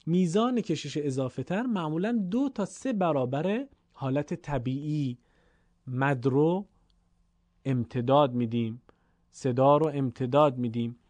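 Man teaching quran reading, patient, mellow voice, dry close mic. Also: fairly high pitch, no echo. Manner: slow, stretched chanted recitation of examples; patient, explanatory tone. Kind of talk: recorded Quran reading lesson.

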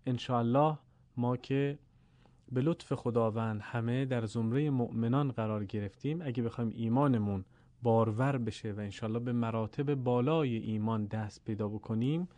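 A male Quran recitation teacher gives a recorded lesson at a middle pitch. He explains patiently and draws out example syllables slowly for the listener. The sound is dry and close. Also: mellow, dry recording.

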